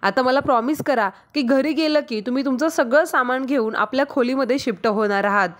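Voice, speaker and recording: A woman's voice: high voice, fairly quick, lightly acted. A woman reading the lines of an anxious young husband who scolds his wife out of worry. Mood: pleading. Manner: urgent, worried scolding.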